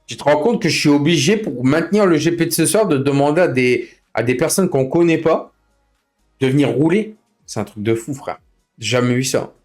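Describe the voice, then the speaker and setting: A man's voice: fairly high pitch, expressive, a little fast, a little mellow, soft background music. A man chatting casually on a live gaming stream, complaining in slangy, informal speech and repeating himself as he goes. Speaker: livestreamer running an online racing league. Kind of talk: casual live stream chat with other players.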